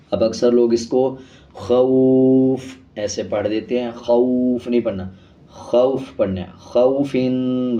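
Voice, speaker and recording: Man spelling out syllables in a slow lesson. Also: medium pitch. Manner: spells syllables slowly, then explains rules quickly and softly. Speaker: Quran reading teacher. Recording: slightly dull lo-fi sound.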